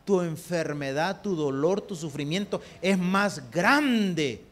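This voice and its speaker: A man preaching, voicing God in slow, weighty questions. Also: high-pitched, lively intonation. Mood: solemn. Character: solemn God of old, male, questioning a sufferer.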